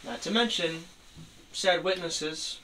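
A man playing a tough cop interrogating a suspect, pressing and skeptical in a halting delivery. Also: a little high, pushed and bright. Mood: stern. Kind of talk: amateur acted interrogation scene. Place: small room, camera across the room. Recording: distant mic, noisy room.

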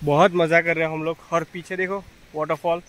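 A young man vlogging casually outdoors in the rain, excitedly pointing out the waterfalls to viewers as he films on a handheld camera. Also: a little high, fairly quick. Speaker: travel vlogger. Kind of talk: casual travel vlog. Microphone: handheld phone or action camera. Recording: loud outdoor noise of rain and falling water.

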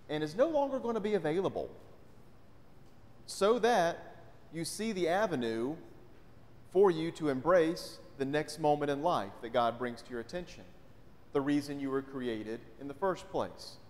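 A man with a fairly high, slightly mellow voice preaches a conversational sermon, regularly asking the congregation questions. His pulpit mic picks up the long reverb of a large indoor sanctuary.

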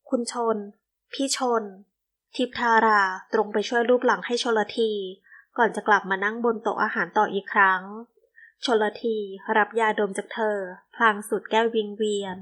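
A woman narrating a romance audio novel in a steady storytelling manner. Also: medium pitch, moderate pace.

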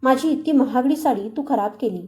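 A woman's voice: high voice, fairly quick, darkish tone, close to an everyday voice. A woman reading the part of a proud, scornful rich mother who scolds sharply, within a storybook narration. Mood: angry.

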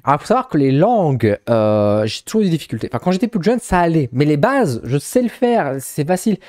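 A man's voice: fairly high pitch, very animated, brisk, darkish tone, no room sound, studio quality. A shy young man with a Ch'ti accent, from northern France, chatting casually in a vlog with many hesitant restarts. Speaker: vlogger.

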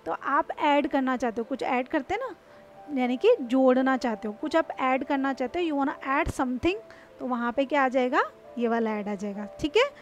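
High-voiced woman teaching English words. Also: lively intonation, faint music behind. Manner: slow, deliberate example sentences, asks students to repeat. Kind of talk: explaining English words to students in Hindi.

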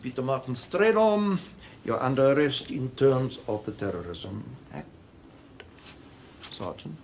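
A smug, taunting interrogator. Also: male voice, mid-range voice, lively intonation, a little slow, slight background noise. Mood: menacing mockery. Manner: mocking, coolly bureaucratic. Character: smug menacing apartheid-era male police interrogator. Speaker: security police interrogator.

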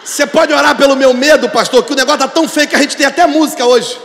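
Brazilian male pastor, bright forceful tone, sermon in a big reverberant church, shouts declarations. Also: extremely high pitch, steady tone, quick pace, creaky, slight background noise. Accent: Brazilian Portuguese. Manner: preaching with call-and-response, building to shouted declarations. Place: large church.

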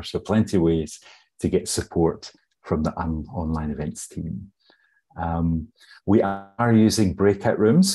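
Scottish male webinar host, low mellow voice, friendly, hesitant with fillers. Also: husky. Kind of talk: webinar housekeeping. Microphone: video call.

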